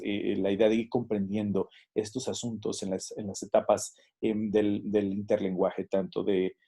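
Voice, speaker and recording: Man teaching, gravelly and mellow. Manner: explanatory, models English phrases with lively pitch jumps. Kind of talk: recorded video lesson.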